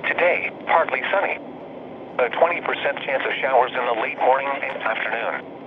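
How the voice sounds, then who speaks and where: A man's voice: medium pitch, moderate pace. A synthetic text-to-speech man's voice reading a scripted weather broadcast as a radio announcer, impersonal and formulaic, in clipped segments. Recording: tinny narrow-band radio, clear noise.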